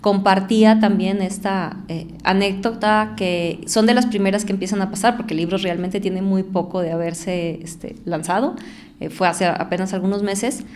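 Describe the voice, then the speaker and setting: A woman, an entrepreneur and author, talking as a guest in an interview, reflective and growing more lively when she tells stories. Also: medium pitch, moderate pace, a little hiss or hum. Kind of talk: conversational interview.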